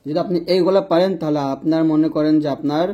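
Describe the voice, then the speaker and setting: A man teaching Quran pronunciation letter by letter in an online lesson, breaking off now and then to chant examples slowly and checking in with his students. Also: on the high side, steady tone, lo-fi sound. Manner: checks in with "ঠিক আছে?".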